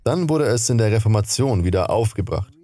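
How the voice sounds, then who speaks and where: A man interpreting a sermon into German, speaking in an earnest, measured way. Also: lowish voice, lively intonation, warm tone.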